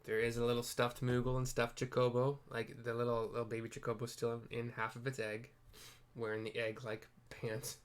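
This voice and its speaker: This medium-pitched male voice has a completely flat delivery, a moderate pace and a clean tone. He's the host of a game playthrough, tossing off loose scene descriptions and rambling self-deprecatingly as he gropes for the right words.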